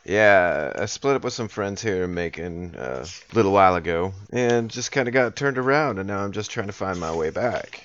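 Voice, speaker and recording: A man's voice: low voice, animated, moderate pace, hardly any pauses, fairly bright tone, dry recording, highs cut off. A man playing his character in a tabletop game, talking politely and easily, saying sir a lot. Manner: polite, easygoing. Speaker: player. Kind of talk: in-character tabletop role-play.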